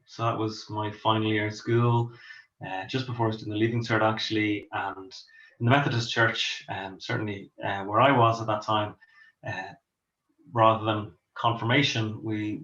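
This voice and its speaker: A man's voice: fairly low pitch, level tone, moderate pace, a bit bright. A middle-aged Irish man from Dublin, a pastor and author, answering interview questions with many ums and restarts. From Ireland. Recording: echoey, dull lo-fi sound.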